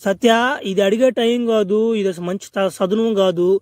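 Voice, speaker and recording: A man voicing a young village fisherman in a comic cartoon spoof, talking in a rapid, pleading, coaxing way. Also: fairly even intonation, a little mellow, dry recording, clean studio sound, close to an everyday voice. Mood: impatient. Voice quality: high, squeaky cartoon man's voice. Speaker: fan cartoon voice actor.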